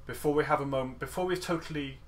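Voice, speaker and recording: A man's voice: a little high, fast talker, slight background noise. A man teaching an online guitar masterclass over a video call, playful and detail-focused, often singing rhythms with nonsense syllables. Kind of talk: online music lesson coaching.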